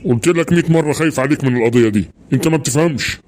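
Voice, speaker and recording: Over-60 Egyptian grandfather, fast and fretful, mellow tone, played by a man. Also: fairly high pitch, close to an everyday voice. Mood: worried. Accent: Egyptian Arabic. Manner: pleading, fretful. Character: worried old grandfather, stubborn and protective. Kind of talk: Egyptian cartoon dub acting.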